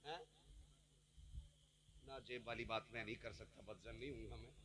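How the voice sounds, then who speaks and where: A man preaching a sermon dramatically, dropping to hushed asides and rising to shouts. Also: mid-range voice, normal speed, slight background noise. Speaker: Islamic preacher.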